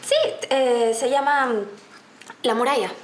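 A woman's voice: a little high, steady tone, a little slow, slight background noise, close to an everyday voice. An actress playing a flustered young Peruvian woman who stammers while covering up her job. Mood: evasive. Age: young adult. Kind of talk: TV sitcom acting.

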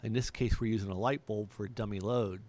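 A middle-aged man, an amateur radio operator, talks fast in a lowish, somewhat dark voice with a steady tone. His step-by-step instructional narration is plain and matter-of-fact. The recording has obvious background noise.

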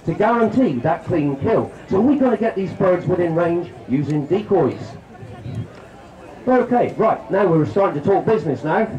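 A man's voice: sits high, lively intonation, moderate pace, warm tone, roomy sound, dull audio. Chatty man demonstrating outdoors. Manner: jokey, chatty, addresses crowd directly. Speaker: shooting demonstrator. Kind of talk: outdoor live demonstration talk. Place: outdoor country show, on a stand.

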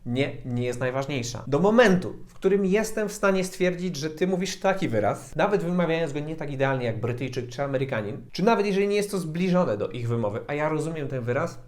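A man with a voice pitched a little high for his sex gives a relaxed video lesson to camera. He jokes often and speaks directly to the viewer, like a teacher chatting with one student. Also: fairly quick, hardly any pauses. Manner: joking, addresses the viewer directly. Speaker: English-language teacher.

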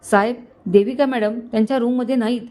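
A woman's voice: a little high, steady tone, fast talker, dark tone, lightly acted. A woman voicing a frightened, stammering servant. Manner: rustic, stammering speech. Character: timid male household servant, frightened.

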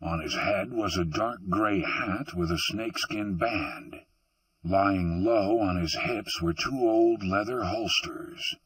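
A man reading an audiobook in a measured, deliberate narration with a husky voice. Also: on the low side, fairly bright tone, no echo, distant mic, rough recording. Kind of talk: scripted narration.

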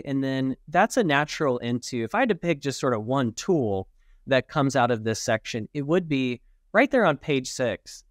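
A man's voice: medium pitch, no echo, studio quality. Man presenting a tax webinar. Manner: relaxed, with fillers and small laughs. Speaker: webinar presenter on ministers' taxes. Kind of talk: casual explanatory webinar talk. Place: indoor office. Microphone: webcam on a video call.

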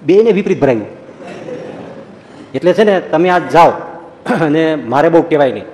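A man giving a humorous religious talk, telling anecdotes in a lively storytelling way and acting out the people in them. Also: fairly high pitch, moderate pace, a little hiss or hum. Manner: storytelling, animated, acts out quoted voices. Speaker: preacher. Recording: long hall reverb.

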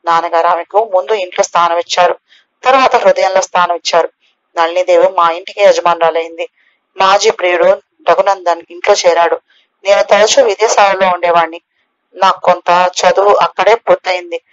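A woman's voice: on the low side, steady tone, a little fast. Woman narrating a novel, lo-fi sound. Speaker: audiobook narrator. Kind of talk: scripted narration of a novel, voicing all characters. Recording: slightly dull, lo-fi recording.

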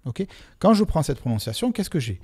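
A man with a Marseille accent, a sociolinguist guest, explaining pronunciation in a lively, expressive way and voicing examples aloud. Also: fairly high pitch, a little fast, husky. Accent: Marseille French. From Marseille, France. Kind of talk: casual explanatory interview.

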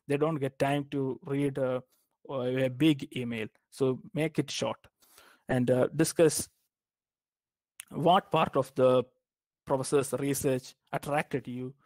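A young man from Kerala, India, talks through academic career advice in a halting, filler-heavy way. His voice sits at an ordinary middle pitch. The recording is dry and close, with no room sound. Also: darkish tone, no room sound. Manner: hesitant, many fillers and restarts. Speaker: guest speaker. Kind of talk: informal academic advice talk.

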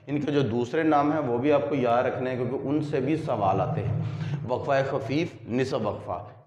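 A male teacher giving a lesson, explaining step by step and repeating examples to make each point clear. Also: mid-range voice, darkish tone. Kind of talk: classroom lecture. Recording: echoey room.

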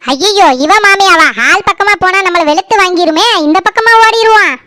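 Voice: very high-pitched, moderate pace, sharp tone, no echo, clean studio sound, voice pushed up. A woman playing a panicky young village wife running from her mother-in-law in a cartoon, speaking frantically with a Kanyakumari Tamil accent.

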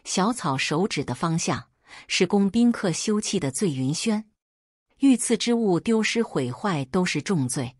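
Storyteller, woman, husky low voice, lively expressive delivery, dry sound. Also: measured pace, no room sound. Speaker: narrator. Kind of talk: storytelling narration.

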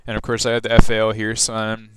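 Speaking fast in a lowish monotone over a very noisy recording, a teenage gaming host loosely rambles through a gameplay walkthrough. He fills it with lots of fillers and keeps restarting.

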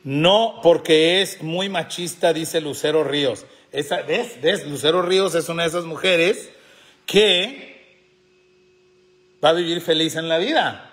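Casting note: middle-aged man, slightly high voice, banters and laughs while reading comments. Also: unhurried, a bit bright. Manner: joking, laughs often, reads comments aloud. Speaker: host. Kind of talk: casual live chat.

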